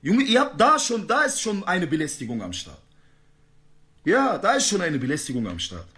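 A man's voice: high voice, wildly swooping pitch, normal speed, a bit bright. A man ranting heatedly in a live-stream argument, full of street slang.

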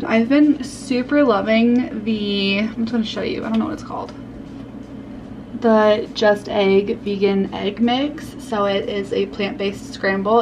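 A young woman vlogging from home as a college student, talking casually and swinging between stressed mumbles and excited chatter. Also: medium pitch, lo-fi sound, noisy background. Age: young adult. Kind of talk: casual vlog talk.

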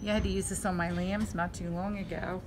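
A woman's voice: fairly low pitch, flat delivery, fast. An older woman working as a nurse, chatting casually with a patient in a reassuring, joking way. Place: small indoor surgical recovery room. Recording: noisy phone video in recovery room.

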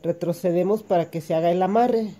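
A woman's voice: on the low side, a little fast, warm tone. A woman giving a patient step-by-step hand embroidery lesson, explaining each stitch as she works. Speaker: embroidery teacher.

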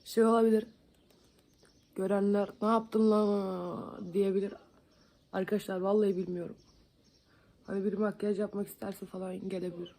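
A woman's voice: medium pitch, little pitch movement, a little fast, pauses often, mellow, a little hiss or hum. Chatty young woman doing her makeup. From Van, Turkey. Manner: chatty, joking, self-mocking. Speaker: beauty vlogger. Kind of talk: casual makeup vlog. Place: home, indoors.

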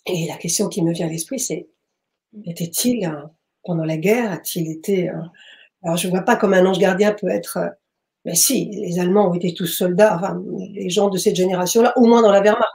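A woman's voice: on the low side, moderate pace, creaky, pauses often, darkish tone. A woman, an author and medium, tells a personal story in an interview, hesitating and searching for words. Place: bookshop.

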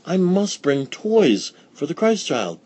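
A man's voice: medium pitch, expressive, unhurried, warm tone, husky, voice pushed up. A man voicing a flustered old village woman. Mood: urgent.

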